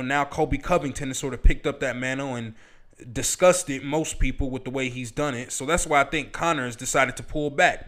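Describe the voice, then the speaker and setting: A man with a somewhat high voice rambles through casual fight-sport commentary. He is blunt and swears freely, piling opinion on opinion in a loose, conversational flow. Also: a bit bright. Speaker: MMA commentator.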